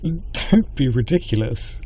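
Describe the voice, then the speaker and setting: A man voicing a proud, indignant knight in a fairy tale, loud and protesting. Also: medium pitch, expressive, slow pace, slight background noise, voice pushed up.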